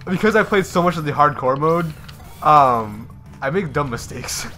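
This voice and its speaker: A young man chatting easily and reacting to a video game with quick remarks as a co-host. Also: on the high side, animated, sharp tone, faint music behind. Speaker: gaming channel co-host. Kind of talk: casual gameplay commentary.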